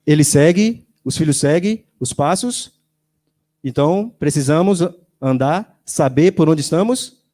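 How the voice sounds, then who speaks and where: A man's voice: a little high, lively intonation, measured pace, dark tone. A man preaching a sermon in a church, in a conversational way that keeps putting questions to the congregation and acting out quoted voices. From Brazil. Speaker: lay preacher.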